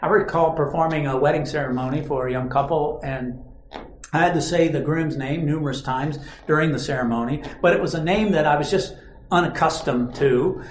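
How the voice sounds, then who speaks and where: A man's voice: a little high, brisk, a little hiss or hum. A man preaching a sermon, telling stories dramatically and acting out quoted lines. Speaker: pastor. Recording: roomy echo.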